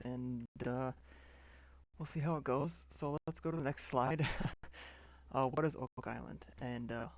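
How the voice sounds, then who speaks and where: A young man giving a class presentation in a flat, casual monotone over a video call. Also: mid-range voice, no echo, rough recording. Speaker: student presenter.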